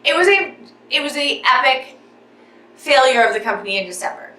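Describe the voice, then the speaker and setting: A young woman with a bright, forceful voice recounts a customer service ordeal for her vlog, worked up and gesturing as she talks. She is a little back from the mic in an echoey room at home, so her voice rings off the walls. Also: high-pitched, animated, brisk, far from the mic. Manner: talks with her hands, getting worked up and out of breath. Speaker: vlogger. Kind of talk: animated storytime vlog.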